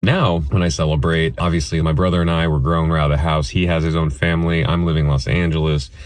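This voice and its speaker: A man's voice: very deep voice, level tone, quick pace, no echo. A man of about forty, chatting casually and rambling through a holiday message. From Indiana, US Midwest. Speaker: guest sharing a holiday message.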